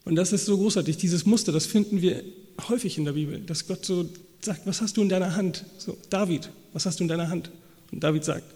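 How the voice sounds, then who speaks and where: Brief: male preacher, mellow, slightly high voice, lively quoted dialogue, hall reverb. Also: fairly quick. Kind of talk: sermon. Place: church hall. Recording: long reverb of a church hall.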